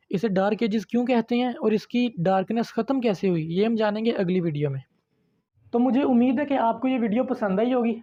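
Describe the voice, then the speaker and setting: Mellow-voiced patient online lecturer. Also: medium pitch, dry recording, lo-fi sound. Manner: patient step-by-step explaining, addresses viewers as friends. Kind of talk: explanatory video lecture.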